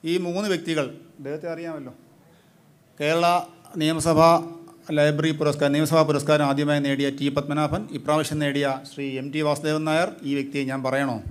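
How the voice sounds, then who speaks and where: A man hosting a live quiz as quizmaster, briskly prodding the teams and questioning their answers. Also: on the high side, flat delivery, clear, resonant tone.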